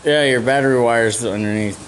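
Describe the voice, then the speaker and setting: A man's voice: medium pitch, brisk. Brief: male vlogger, ordinary mid voice, keeps saying "right", faint noise behind him. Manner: agreeable, many short interjections like "right". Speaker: vlogger host. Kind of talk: casual conversation.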